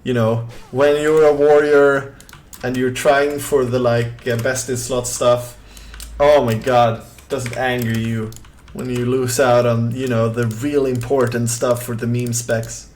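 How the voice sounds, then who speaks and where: Rambling through a relaxed stream, a young Swedish-accented man from southern Sweden plays games, reads chat, and fills his talk with fillers and restarts. His voice is mid-range, level, unhurried, and a little mellow, with slight background noise behind it.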